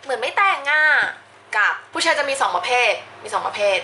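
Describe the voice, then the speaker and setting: A woman's voice: high voice, animated, a little fast, vocal fry, bright, forceful tone, slight background noise. A woman beauty vlogger chatting playfully through a makeup tutorial, dropping English product terms into her talk. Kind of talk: casual makeup tutorial chat.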